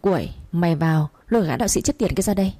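Angry old head of house, woman voicing him, stern and bossy, husky. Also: lowish voice, lively intonation, fast talker, dark tone, dry recording. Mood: enraged. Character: old domineering husband, enraged patriarch.

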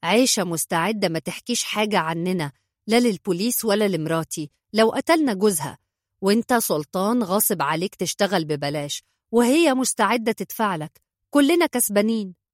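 A woman voicing a calm, commanding middle-aged man who speaks low, flat and curt. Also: fairly quick, no room sound, studio quality, lightly acted. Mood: cool.

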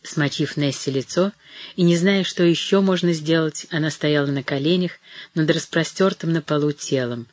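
A reader narrating a dramatic novel in a measured, storytelling manner. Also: mid-range voice, no room sound. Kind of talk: audiobook narration.

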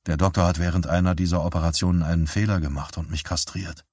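A man voicing a gentle young lover with dry humor, speaking quietly in an audiobook. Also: low voice, steady tone, quick pace, no echo. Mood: wry.

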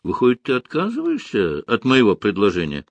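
A friendly, persuasive Soviet official, read by a male audiobook narrator. He talks in an easygoing, shrugging way, with animated pitch. The voice is dry and close to the mic. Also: a little fast, vocal fry, dry recording, exaggerated voice.

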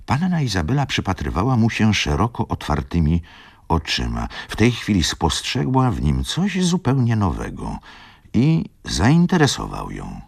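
A man narrating a classic novel for radio, with a very deep, gravelly voice. His reading is theatrical and lively in pitch. The sound is dry and close. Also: moderate pace. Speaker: reader.

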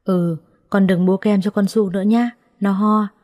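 A woman voicing an older mother-in-law who talks in a brisk, practical way in a storybook reading. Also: mid-range voice, fairly even intonation, a little mellow, lightly acted.

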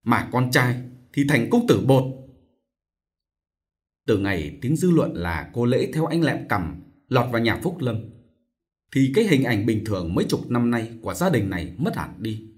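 A man reads a novel aloud in measured, expressive storytelling. His mid-pitched voice moves through a wide, lively melodic range. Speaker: audiobook narrator. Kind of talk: scripted novel narration.

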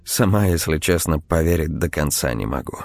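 A man's voice: very deep voice, lively intonation, normal speed. A man voicing a frank, earnest young woman in an audiobook. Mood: confiding.

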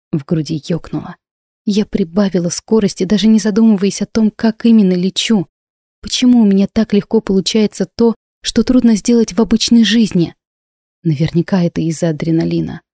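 Woman narrator, fantasy audiobook, steady expressive telling, mellow dark voice, dry close sound. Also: mid-range voice, fairly quick, no room sound.

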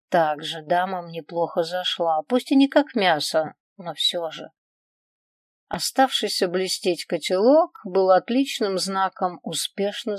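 A woman narrating a first-person audiobook in an even, measured reading. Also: lowish voice, no echo. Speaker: audiobook reader.

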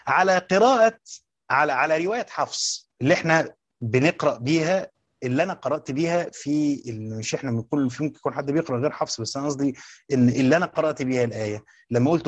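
Speaking at medium pitch in a dry recording, an Egyptian-accented man delivers a class on Quranic exegesis. He goes over his points again and again and tests his students with questions.

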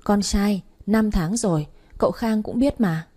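A woman's voice: mid-range voice, warm tone, close to an everyday voice. A woman voicing a pregnant young servant girl who answers defiantly and without hurry. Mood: brazen. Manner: unhurried, defiant replies.

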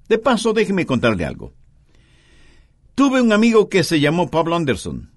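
A man's voice: a little high, no echo, studio quality. A man preaching an earnest sermon, telling stories and making points with strong emphasis.

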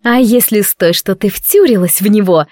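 A woman's voice: mid-range voice, normal speed, a little mellow, no echo, studio quality, lightly acted. A woman voicing a spiteful, jealous young maid who talks in a venomous, mocking hiss.

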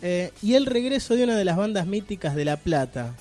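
An Argentine man on a community radio show, his voice sitting a little high and soft-toned. He reads out the news in an animated way, pushing up on each item he lists. Music plays faintly underneath. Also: brisk. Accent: Argentine Spanish. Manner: animated, lists news items with rising emphasis. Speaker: radio co-host. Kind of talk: casual radio chat.

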